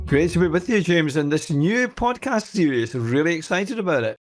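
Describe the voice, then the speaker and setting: A man's voice: on the high side, very animated, normal speed, soft background music. An older man co-hosting a faith podcast, talking enthusiastically and rambling with many restarts. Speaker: podcast co-host. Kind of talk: casual faith podcast chat.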